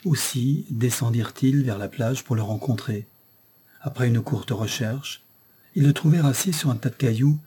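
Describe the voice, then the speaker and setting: Male narrator for a classic novel audiobook, measured delivery, husky tone. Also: fairly low pitch, mellow. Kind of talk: scripted narration.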